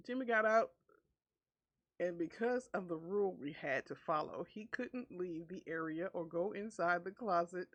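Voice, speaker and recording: A woman's voice: on the low side, a little slow, long pauses, highs cut off. A woman streamer reading an online story aloud with her own commentary, laughing often between lines. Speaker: VTuber streamer.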